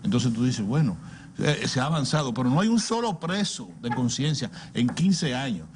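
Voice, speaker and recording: A man's voice: mid-range voice, lively intonation, normal speed, darkish tone, slight background noise. An older man with a Dominican Caribbean Spanish accent giving opinionated political commentary, repeating words and asking rhetorical questions. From Dominican Republic. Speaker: political commentator on a talk show.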